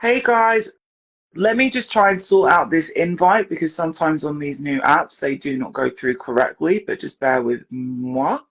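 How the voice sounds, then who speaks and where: A woman from the UK hosting a casual live stream from her dressing room, chatty and laughing while sorting out tech, with a hoarse voice. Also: low-pitched, moderate pace, highs cut off. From United Kingdom. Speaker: podcast host.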